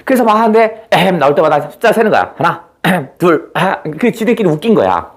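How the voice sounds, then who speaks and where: Chatty man lecturing with lively pitch. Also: a little fast. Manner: chatty, asks students rhetorical questions, acts out quoted lines. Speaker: Korean literature teacher. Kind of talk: online exam-prep lecture.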